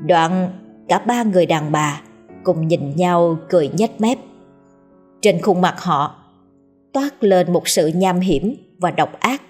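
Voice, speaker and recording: A woman narrating a horror story in a slow, measured way. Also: fairly low pitch, a little mellow, soft background music.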